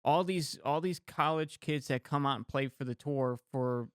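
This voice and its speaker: A man talks casually as a panelist on a golf show. His th sounds come out as f. The voice sits at a medium pitch in a very dry recording. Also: normal speed, clean tone, dry recording. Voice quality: says th sounds as f.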